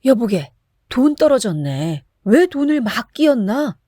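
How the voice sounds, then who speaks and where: A woman's voice: fairly high pitch, big pitch swings, measured pace, dark tone, dry recording, clean studio sound, voice pushed up. A woman voicing a cautious middle-aged man who fusses over his drunk friend. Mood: worried. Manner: warning, fussing.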